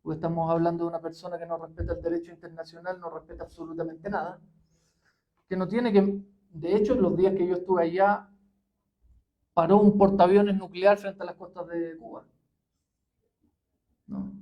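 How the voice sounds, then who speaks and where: A history professor giving a public talk, unhurried and full of pauses and fillers. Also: male voice, high-pitched, level tone, muffled recording. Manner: measured, many pauses and fillers.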